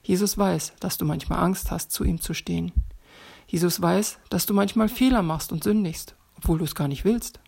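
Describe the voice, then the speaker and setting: Gravelly, husky woman reading a children's bible story. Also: fairly low pitch, moderate pace. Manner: speaks directly and warmly to the child listener.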